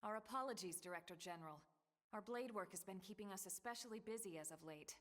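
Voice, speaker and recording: A woman voicing a calm, composed female squad leader in a video game, with a cool, level and wry delivery. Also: mid-range voice, fast talker, lightly acted.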